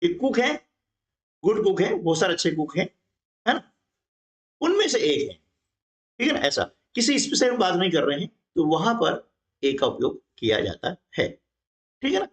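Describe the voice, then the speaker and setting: A male teacher walks through an exam-prep grammar lesson, his pitch rising and falling animatedly as he explains. He sits a little high for a man and keeps checking in with the class. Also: very animated, moderate pace, long pauses.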